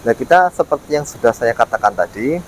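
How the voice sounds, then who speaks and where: This ghost-hunting vlogger is animated and brisk, with a medium-pitched voice, chatting casually to the camera. He explains his points, repeats them and adds frequent tag words. The low-quality recording includes faint ambient and vehicle sounds.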